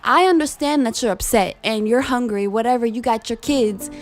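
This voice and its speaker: A woman's voice: on the high side, normal speed, faint music behind. A young woman venting a heated, profane work story in a casual vlog. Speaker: vlogger telling a work story. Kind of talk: casual storytime rant over gameplay.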